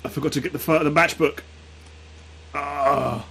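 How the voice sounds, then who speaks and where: A man's voice: fairly high pitch, steady tone, normal speed, bright, forceful tone, slightly rough. A man streaming a game speedrun and chatting casually with viewers as he plays. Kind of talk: casual live gameplay chat. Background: game sound and ambience.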